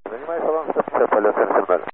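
Quick male pilot over tinny radio. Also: mid-range voice, animated. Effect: radio transmission. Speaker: airline pilot. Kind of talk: clipped radio readbacks. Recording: tinny cockpit radio with faint noise.

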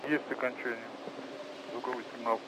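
A man's voice: mid-range voice, flat delivery, brisk. A man in a spacesuit giving clipped, matter-of-fact readouts, heard from inside his helmet over a radio link. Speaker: crew member in a spacesuit reporting to mission control. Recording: distant radio link with loud hiss.

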